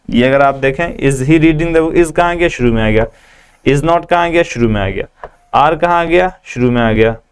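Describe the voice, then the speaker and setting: Male teacher, smooth clear voice pitched a little high, slow deliberate classroom drilling. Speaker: English teacher. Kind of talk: spoken English lesson.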